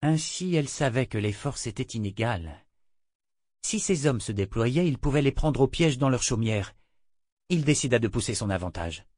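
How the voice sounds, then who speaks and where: A man's voice: mid-range voice, no echo. Man narrating an audiobook, dry close sound. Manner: measured, even storytelling.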